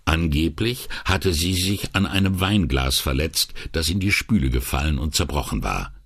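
A man narrates an audiobook with a low, husky voice and lively pitch movement. The reading is expressive, and the recording is close and dry with no room sound. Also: moderate pace, dry recording. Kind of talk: scripted narration.

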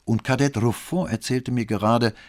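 Man doing a calm wry police commissioner. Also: mid-range voice, normal speed, voice pushed up, natural voice. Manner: calm, ironic and courteous.

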